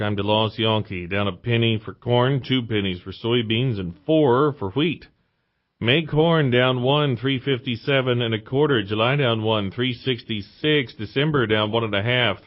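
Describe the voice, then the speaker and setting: American male market reporter reading commodity and stock prices, clipped delivery, medium pitch, slightly lo-fi radio sound. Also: fairly even intonation, normal speed. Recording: slightly muffled radio broadcast.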